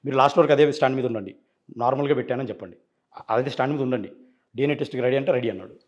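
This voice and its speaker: A man's voice: medium pitch, very fast, darkish tone, highs cut off. A man as an interview guest, telling his side insistently and acting out past phone calls. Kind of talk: rapid interview account.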